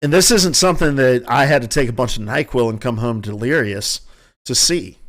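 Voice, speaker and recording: A man's voice: mid-range voice, normal speed, fairly bright tone. A man with a noticeable country accent, hosting a podcast and giving casual, rambling, opinionated commentary from home, often restarting his sentences. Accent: Southern US country. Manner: rambling, self-correcting, opinionated. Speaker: podcast host.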